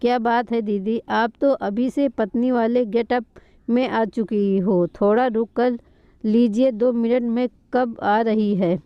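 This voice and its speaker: A woman's voice: on the high side, steady tone, unhurried, smooth, no room sound, close to an everyday voice. A woman reading the part of a playful, cheeky teenage younger sister in a family story. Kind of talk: storytelling read-aloud. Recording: dull lo-fi recording.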